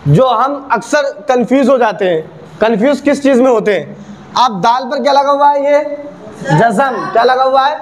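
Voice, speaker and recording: A man with a strikingly high voice teaches Quran reading in a video lesson, with faint noise behind him. He asks a question, answers it himself, then repeats the point. He slows down to spell out the letter sounds. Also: expressive.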